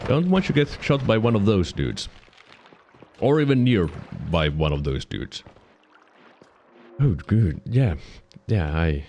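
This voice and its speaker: A man giving casual let's-play commentary, musing to himself with sudden excited yelps. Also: lowish voice, a little hiss or hum. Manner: musing, self-talking, quick excited yelps. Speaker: gaming channel host.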